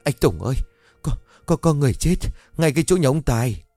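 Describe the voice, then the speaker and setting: This is a jittery old village woman in a spoken horror story, voiced by a male narrator. Her voice jumps up high and shrill, and she stammers when scared and snaps when crossed. The recording is dry and close, with faint music underneath. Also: expressive, fairly quick, mellow, no echo. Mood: panicked. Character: frightened village grandmother, sharp-tongued.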